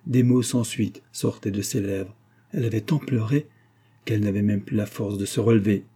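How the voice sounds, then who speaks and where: A man reading a novel aloud as an audiobook narrator, measured and even. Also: lowish voice, breathy edge.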